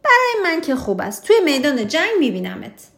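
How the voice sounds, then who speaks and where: Woman voicing a defiant storybook king: loud, high and lively, in an echoey room. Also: full character voice. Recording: roomy echo.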